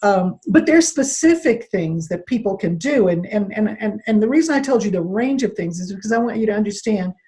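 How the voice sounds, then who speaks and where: A woman with a soft-edged, mellow voice talks as a guest consultant on a panel. She explains her points in an emphatic, conversational way, repeating words to drive them home. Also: medium pitch, lively intonation, a little fast, hardly any pauses.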